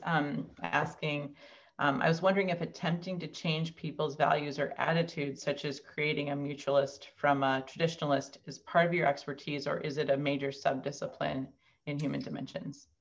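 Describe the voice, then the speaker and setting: A woman moderating a webinar, reading out audience questions with polite, brief thanks. Her voice is low and gravelly with vocal fry. The audio is dull and lo-fi, as on a video call. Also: steady tone, moderate pace. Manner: polite, brief, filler-heavy.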